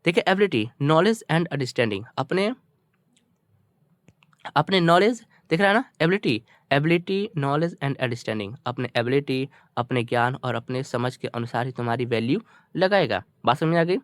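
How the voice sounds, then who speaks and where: In a clean, dry studio recording, an English teacher with an Indian accent speaks at a measured pace, his medium-pitched voice expressive. He teaches through a story, translating line by line and explaining each phrase with repetition and checking questions.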